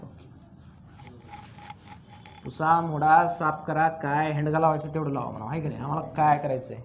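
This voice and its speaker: A man teaching accounts to a classroom, firing quick questions at his students and teasing them as he drills each step. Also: on the high side, steady tone, vocal fry, highs cut off, slight background noise. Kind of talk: classroom lecture.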